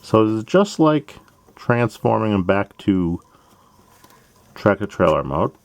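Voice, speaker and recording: A man's voice: on the low side, big pitch swings, takes it slowly, no echo. A man hosting a toy-building show, explaining each step of a build in a chatty, plain way with playful asides. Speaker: host of a toy-building channel. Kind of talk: casual step-by-step build tutorial.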